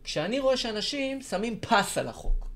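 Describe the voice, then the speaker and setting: A man's voice: very high voice, big pitch swings, fairly bright tone. A man co-hosting a podcast, steering the talk and building his points step by step. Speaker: podcast co-host. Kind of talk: casual chat.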